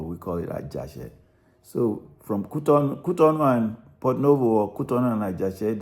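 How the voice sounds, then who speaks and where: Low, mellow-voiced Nigerian man narrating. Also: vocal fry. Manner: rambling, self-correcting, repeats words. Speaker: narrator analysing a song. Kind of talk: unscripted spoken commentary.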